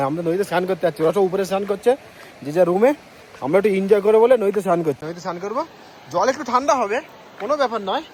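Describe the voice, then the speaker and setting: A man narrating a casual travel vlog outdoors by a mountain river, chatty and excited as he talks to his viewers. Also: high-pitched, a little hiss or hum. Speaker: travel vlogger.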